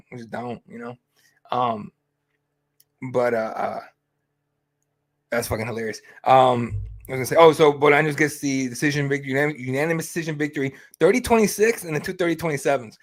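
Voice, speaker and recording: Casual and easygoing, this stream host of Mexican heritage rambles through chat on his fight companion stream, cursing and leaning on plenty of fillers. His voice is medium in pitch.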